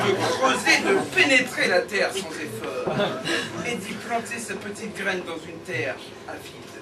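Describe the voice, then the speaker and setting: A man playing a pompous, suggestive teleshopping pitchman in a parody infomercial, speaking in florid, mock-earnest phrases. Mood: florid salesmanship. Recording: noisy roomy far-off recording, loud laughing crowd. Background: loud audience noise and laughter.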